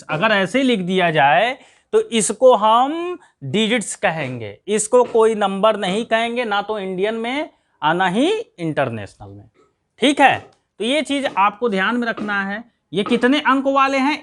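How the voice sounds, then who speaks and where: A man's voice: sits high, fairly bright tone. A man teaching a math lesson, asking questions and answering them himself, counting aloud step by step. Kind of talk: classroom lesson.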